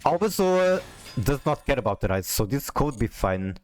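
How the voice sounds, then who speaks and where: Animated man. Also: medium pitch, normal speed, faint music behind. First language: Portuguese. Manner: animated, disbelieving outbursts with swearing and laughter. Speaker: streamer. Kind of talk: casual livestream card game commentary.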